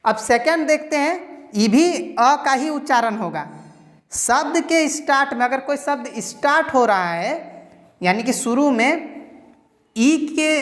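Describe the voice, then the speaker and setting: A woman's voice: high voice, fairly bright tone, big-room sound. A woman teaching English pronunciation at a whiteboard, explaining each rule patiently step by step. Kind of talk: whiteboard lesson.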